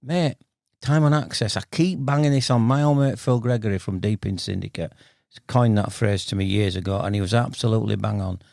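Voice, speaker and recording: Bradford man, 60s, low creaky voice, blunt matey interviewee, plain Yorkshire talk. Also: brisk, a little mellow, no echo, clean studio sound. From Bradford, Yorkshire, northern England. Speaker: podcast guest, veteran carp angler. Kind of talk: casual interview storytelling.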